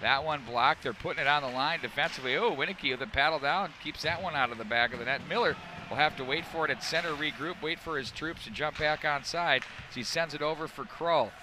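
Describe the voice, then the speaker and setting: A man doing live hockey play-by-play, making rapid calls that rise sharply on scoring chances. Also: on the high side, noisy background. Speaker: play-by-play announcer. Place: outdoor rink broadcast.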